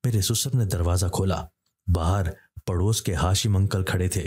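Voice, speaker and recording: A man's voice: low-pitched, moderate pace, darkish tone, slightly rough. A man narrating a scripted horror story, speaking steadily and voicing each character in his own plain voice.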